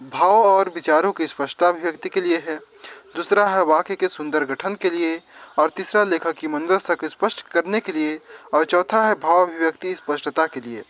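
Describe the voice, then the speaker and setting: A man's voice: fairly high pitch, moderate pace, a bit bright. A male teacher gives an exam-prep grammar lesson, explaining step by step and repeating definitions.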